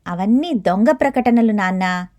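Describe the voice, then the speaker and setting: A woman's voice: medium pitch, lively intonation, moderate pace, darkish tone, close to an everyday voice. A woman reading the lines of an irritable, dismissive middle-aged son, curt and annoyed, in storybook narration.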